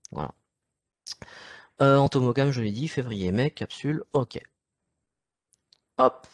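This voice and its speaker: A man with a French accent gives a chatty, informal online nature lecture from home, talking through his slides with many fillers and restarts. He speaks slowly at medium pitch. His computer mic picks up no echo.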